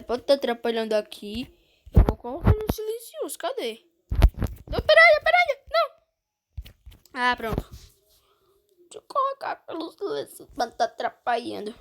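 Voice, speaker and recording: Excitable high-voiced Brazilian woman gamer. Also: slight background noise. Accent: Brazilian Portuguese. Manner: excitable, frequent panicked exclamations. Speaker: gamer streamer. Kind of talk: gameplay commentary.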